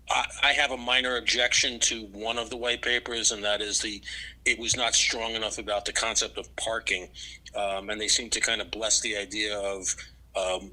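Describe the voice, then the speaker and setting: Fields: Sex: man. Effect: on speakerphone. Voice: very bright. Pitch: low-ish. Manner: halting, filler-heavy. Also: poor audio. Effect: heard over speakerphone in the room. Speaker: remote meeting participant. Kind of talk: meeting report.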